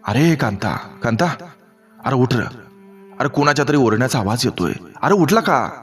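A man's voice: medium pitch, very animated, normal speed, soft background music, close to an everyday voice. A man voicing a village farmer calling urgently to wake his friend.

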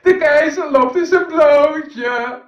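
A woman voicing a small boy who shouts loudly from a crowd, in a roomy, dull recording. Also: a little slow, distant mic. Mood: shouting. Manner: loud, high, childlike shouting.

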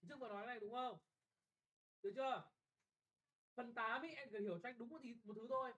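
Young man, classroom exam tutor; brisk, blunt, keeps checking if students follow. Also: very high voice, fairly bright tone, rough recording. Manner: brisk and bossy, often checking "got it?". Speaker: English tutor.

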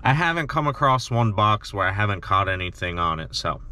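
A man's voice: lowish voice, animated, a little fast, pushed and bright, smooth. A young man chatting and joking to camera in a casual fishing vlog, filmed in a parked truck on a dashboard camera. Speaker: fishing vlogger.

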